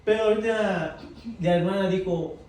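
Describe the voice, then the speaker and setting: A man's voice: high-pitched, normal speed, a little mellow. Man teaching scripture in an echoey room. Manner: asks the group questions, tags lines with "verdad?". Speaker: Bible study teacher. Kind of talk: interactive Bible class. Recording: echoey room from far off, faint noise.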